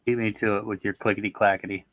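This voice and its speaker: A man's voice: fairly low pitch, level tone, fast, a bit bright, dry recording. Wry joking man on a podcast. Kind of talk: casual chat.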